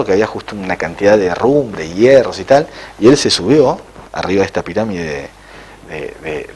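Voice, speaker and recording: A middle-aged man, an interviewed author, telling a spiritual story in a halting way with frequent "eh" fillers. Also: fairly low pitch, a little hiss or hum.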